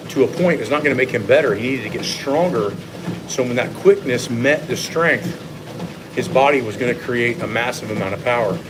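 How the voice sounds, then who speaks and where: A man coaching casually on a livestream while walking on a treadmill, explaining and giving his opinions to viewers. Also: mid-range voice. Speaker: fitness coach hosting a live Q&A. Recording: clear steady machine noise behind voice. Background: treadmill or machine hum.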